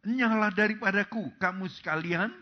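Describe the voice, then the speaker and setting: Preacher quoting a stern, commanding God in a sermon, solemn declarations, lo-fi sound. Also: male voice, a little high, lively intonation, normal speed, vocal fry, breathy edge, exaggerated voice. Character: stern male God rejecting the wicked.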